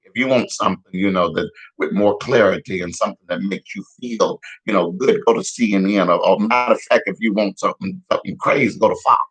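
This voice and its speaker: A man giving casual, profane news commentary in a heated, repetitive rant, a little hoarse. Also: fairly low pitch, fast, hardly any pauses, a bit bright, rough recording. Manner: profane, heated, repetitive, laughs at own jokes. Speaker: vlogger giving street-style news commentary.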